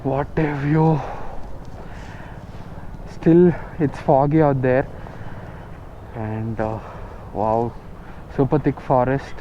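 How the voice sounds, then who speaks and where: A man's voice: medium pitch, steady tone, extremely slow, pauses often. A man with a Telugu Indian accent giving casual, informal travel vlog commentary outdoors while out riding, with exclamatory asides. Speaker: motorcycle travel vlogger. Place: outdoors on a motorcycle on hill roads and highways. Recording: muffled, loud motorcycle and road noise.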